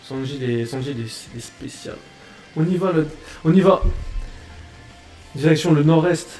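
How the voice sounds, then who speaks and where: A man in casual reaction commentary who tosses out slang and repeats his lines. His voice sits a touch high for a man. Faint music runs in the background. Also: moderate pace. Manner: excitable, slangy banter with repeated phrases. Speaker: reaction video host.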